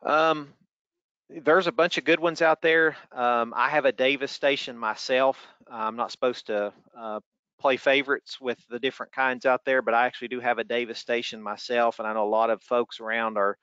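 Guy with a tennessee accent doing a casual q&a as a trainer, crisp bright voice, folksy. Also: mid-range voice, steady tone, normal speed, no room sound, highs cut off. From Tennessee, United States. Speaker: weather spotter trainer. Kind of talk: informal webinar Q&A, answering read-out questions.

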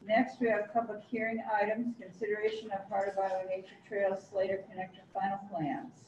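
A woman chairing a county board meeting, brisk and procedural. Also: medium pitch, fairly even intonation, darkish tone, highs cut off. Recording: roomy, distant mic, audible hum.

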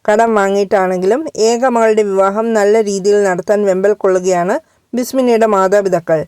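Female storyteller, steady expressive reading, mellow voice, dry close sound. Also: mid-range voice, normal speed, smooth, no echo. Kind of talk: scripted story narration.

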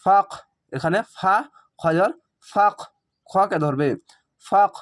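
A man with a fairly high voice teaches a Quran reading lesson, slowly spelling out Arabic syllables one at a time. Between them he hurries through his explanations in relaxed, quick conversational asides.

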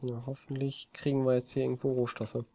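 A man giving relaxed, rambling commentary over a video game from his desk, with frequent hesitations. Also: medium pitch, brisk. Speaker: let's play gamer. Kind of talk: casual gameplay commentary. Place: home desk. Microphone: desk mic on a stand.

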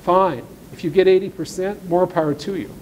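Reading out sections of law and then weighing in with sarcastic, plainspoken remarks, this man addresses ranchers at an agricultural meeting in a folksy way. His voice is high-pitched and darkish, his pace brisk, and the low-quality recording carries some hiss or hum.

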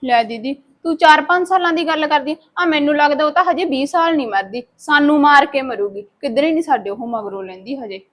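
A woman's voice: high voice, expressive, a little fast, few pauses, fairly bright tone. A woman playing a fed-up, gossiping daughter-in-law. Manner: complaining, mimics others' voices in quotes. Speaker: daughter-in-law complaining about her mother-in-law. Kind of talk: short-film dialogue.

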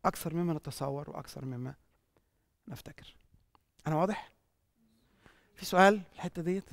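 Fast, gravelly Egyptian preacher. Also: medium pitch, slight background noise. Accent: Egyptian Arabic. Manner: rhetorical questions answered by self, emphatic. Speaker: church teacher answering questions.

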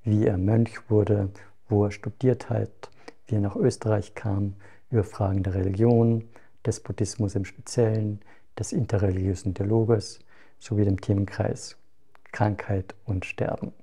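A middle-aged man hosting a podcast interview, speaking in a relaxed, low-key way as he introduces his guest. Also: unhurried, vocal fry. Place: temple hall with a Buddha shrine.

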